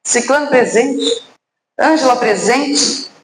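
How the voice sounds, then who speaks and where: A Brazilian woman giving a personal testimony talk at a spiritist center, telling her story dramatically, acting out dialogue and pausing for suspense. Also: high voice. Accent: Brazilian Portuguese. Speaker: guest speaker at a spiritist center. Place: spiritist center hall, indoors. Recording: echoey room, faint background noise.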